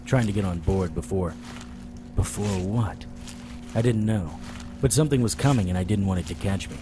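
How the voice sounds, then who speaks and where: Over a music bed, a low-voiced actor tells his story as the lead and narrator of a first-person noir audio drama. He plays a hard-boiled, wisecracking male private eye who hunts vampires, delivered in a dramatic, sardonic style.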